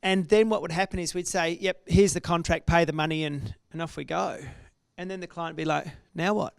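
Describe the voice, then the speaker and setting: A business owner speaks candidly to an audience, restarting his sentences as he goes. His voice is gravelly yet smooth, pitched a little high, and the sound is dry and close. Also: steady tone, fairly quick, no echo. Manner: candid storytelling, many restarts. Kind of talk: casual talk to an audience.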